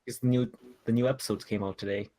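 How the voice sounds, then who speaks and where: A man's voice: mid-range voice, fairly even intonation, racing, warm tone. A man as a guest on a casual podcast, talking hesitantly with a slight stutter.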